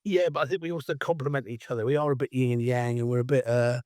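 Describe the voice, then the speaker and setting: A middle-aged man from Essex with an Essex accent and a croaky, hoarse voice from allergies, talking as a guest in a rambling, chatty way. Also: mid-range voice, fairly even intonation, fast talker, no echo, clean studio sound. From Essex, England. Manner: rambling, chatty, self-styled loudmouth. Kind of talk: casual interview chat.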